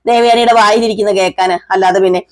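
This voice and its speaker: A woman's voice: mid-range voice, steady tone, quick pace. A woman reviewer casually retelling a TV serial episode in a chatty, conversational way.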